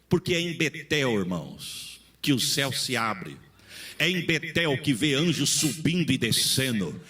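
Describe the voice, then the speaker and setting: Animated pastor preaching. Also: male voice, on the high side. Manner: folksy, animated preaching with acted-out dialogue and humor. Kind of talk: sermon.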